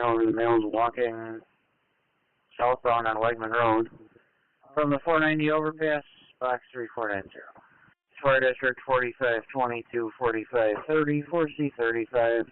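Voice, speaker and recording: Flat-toned male fire dispatcher on radio. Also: medium pitch, clean tone. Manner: flat, procedural, reading out codes and units. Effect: two-way radio transmission. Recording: narrow-band emergency scanner radio.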